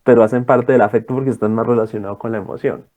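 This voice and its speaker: A man's voice: medium pitch, fairly even intonation, racing, darkish tone, lo-fi sound. A young man tutoring students in a casual lecture, rambling and checking in with his listeners.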